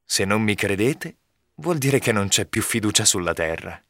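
A man voicing a bold, cheerful young male archer in a storybook reading, speaking calmly and firmly. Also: fairly low pitch, moderate pace, no room sound, clean studio sound. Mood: proud, earnest. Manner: calm, firm.

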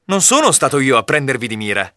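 A man voicing a bold, cheerful young male archer in a storybook reading, speaking calmly and firmly. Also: mid-range voice, fast, no room sound, studio quality. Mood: urgent, firm. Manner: calm, firm.

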